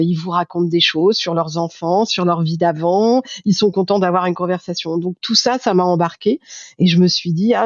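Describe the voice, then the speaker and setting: A woman in her fifties from Paris, speaking as a podcast guest, reflective and halting, with many fillers and restarts. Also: fairly low pitch, dry recording, dull audio. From Paris, France. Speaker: guest, communications agency founder. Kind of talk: podcast interview.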